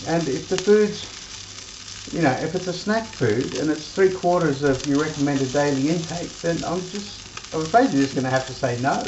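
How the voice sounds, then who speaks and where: Woman cooking vlogger, low voice, chatty and homely; echoey home kitchen, loud frying behind. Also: lively intonation, moderate pace, muffled recording, noisy background. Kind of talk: casual cooking demonstration. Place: home kitchen with sizzling pan.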